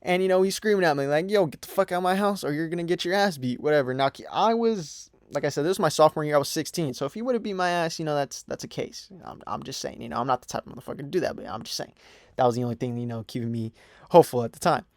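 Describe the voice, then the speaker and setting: A man's voice: on the high side, fast, dry recording, clean studio sound. A young man casually telling a storytime tale on his own channel, swearing freely and leaning on "you know" and "whatever" as fillers. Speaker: storytime vlogger.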